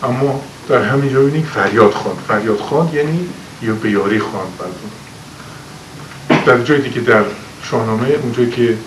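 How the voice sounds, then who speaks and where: A male teacher with a medium-pitched voice gives a poetry lecture, patiently explaining archaic words and raising his voice to recite the verses. He is seated far from the microphone in a large, echoing room, with a faint hiss beneath his speech.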